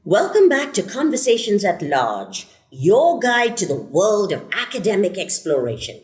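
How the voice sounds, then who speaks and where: A woman's voice: mid-range voice, wildly swooping pitch, measured pace, darkish tone, roomy sound. A woman hosting a university program podcast, reading an enthusiastic introduction and welcoming her guests. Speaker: host, program director.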